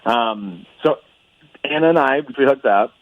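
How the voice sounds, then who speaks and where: An excitable, chatty man heard over a phone speaker on a radio show. His voice sits at an ordinary middle pitch and comes through a muffled, narrowed line, laughing as he talks. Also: a little slow, slight background noise. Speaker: radio call-in guest. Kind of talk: casual chat.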